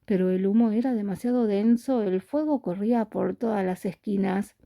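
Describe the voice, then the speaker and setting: A woman reads a novel aloud in a calm, steady audiobook style. Her voice is very dark and mellow, and the recording is close and dry. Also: mid-range voice, moderate pace, vocal fry, no room sound. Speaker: storyteller.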